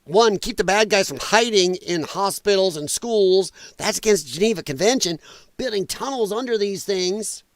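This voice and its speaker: A man's voice: high-pitched, lively intonation, moderate pace, no echo. A man hosting a political livestream, speaking bluntly and sarcastically in a casual monologue. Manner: blunt and sarcastic, mocks opponents in put-on voices. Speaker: political commentary livestream host.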